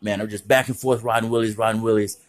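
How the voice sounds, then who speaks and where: A man casually telling profane, animated stories, often jumping into other voices. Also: fast. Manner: animated, profane, acts out voices with big pitch jumps. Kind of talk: casual storytelling.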